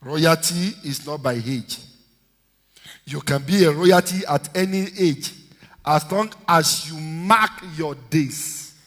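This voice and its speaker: A man in his fifties, a senior pastor preaching a sermon with shouted call-and-response to his congregation. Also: on the high side, slow. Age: 50s. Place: church hall. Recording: echoey church hall reverb.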